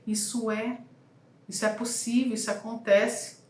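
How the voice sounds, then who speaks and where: A woman giving casual advice as a communication and voice coach, talking with lively shifts in pace and emphasis. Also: fairly high pitch, unhurried, reverberant.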